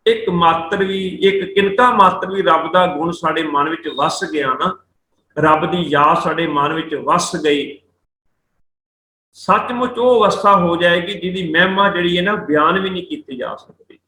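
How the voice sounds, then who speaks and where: A Punjabi-accented man teaching Sikh scripture in a high, ringing voice. He slows to recite each verse and then explains its pronunciation letter by letter. His voice echoes around the room. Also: sharp tone. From India. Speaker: principal of a Sikh missionary college, religious teacher.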